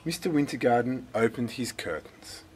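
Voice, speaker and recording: A man reading a children's story aloud in a dramatic, deliberate way. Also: medium pitch, slight background noise. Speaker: storybook reader. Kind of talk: expressive scripted children's story narration.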